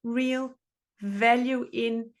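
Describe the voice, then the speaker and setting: A woman's voice: fairly high pitch, fairly even intonation, extremely slow. A middle-aged woman therapist, giving earnest advice in conversation and repeating phrases for emphasis. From Denmark. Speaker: relationship therapist, podcast guest.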